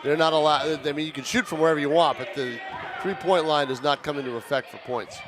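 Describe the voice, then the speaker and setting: A man's voice: a little high, fast talker, crowd noise. A man doing casual color commentary and asking the guest questions at a youth basketball game. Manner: chatty, asks questions. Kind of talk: casual sports banter. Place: school gymnasium. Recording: noisy gym ambience.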